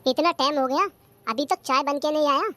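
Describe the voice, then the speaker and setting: A man's voice: extremely high pitch, normal speed, heavy background noise. A performer voicing an idle, demanding young husband and son in a cartoon comedy, whining about his tea and meals. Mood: complaining. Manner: demanding, whiny complaints about timing.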